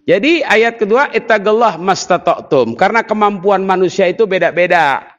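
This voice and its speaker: A man giving a sermon, lively and teasing as he jokes with the audience. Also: high-pitched, normal speed, long reverb tail, lo-fi sound. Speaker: preacher.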